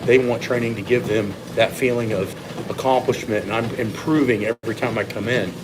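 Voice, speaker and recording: Blunt man talking over clear background noise. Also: mid-range voice, steady tone, a little fast. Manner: blunt, opinionated, occasional swearing. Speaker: strength coach and former competitive lifter. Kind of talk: casual off-the-cuff training monologue.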